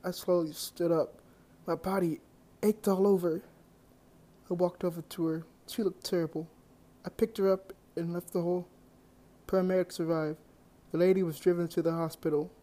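A young amateur narrator reading a first-person adventure story in a plain, halting read-aloud delivery. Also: medium pitch, little pitch movement, warm tone.

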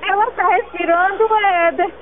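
A panicked woman calls for help on a tinny phone line with faint hiss. Her voice is very high and breathless, and she pleads in short bursts. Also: fairly even intonation, moderate pace. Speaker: caller, mother of the baby.

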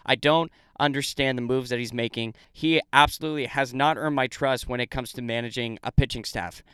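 A man's voice: medium pitch, steady tone, brisk, fairly bright tone, smooth, dry recording. A man hosting a solo sports podcast, opinionated and getting fired up as he breaks down the games.

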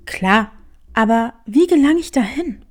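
Earnest young boy hare, a bit lower, lively and pleading, played by a woman. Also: measured pace. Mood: eager. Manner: eager, earnest. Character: young male hare, eager dreamer.

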